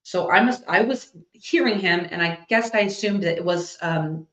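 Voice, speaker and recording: A woman working as a psychic medium, giving a live reading to an audience and thinking out loud as she passes on messages. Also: lowish voice, normal speed. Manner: chatty, thinks out loud while relaying messages. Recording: echoey, slightly dull recording.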